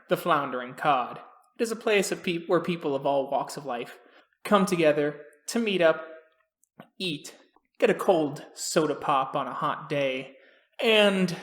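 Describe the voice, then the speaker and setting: A man narrating a tabletop game as game master, in a dramatic, drawn-out way. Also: on the high side, a bit bright.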